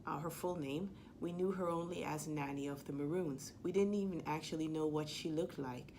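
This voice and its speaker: A Jamaican woman with a notably low voice shares a childhood story in an earnest, measured way. She pauses now and then on small fillers. A faint hiss sits under her voice. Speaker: sport leadership speaker. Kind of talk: personal storytelling talk.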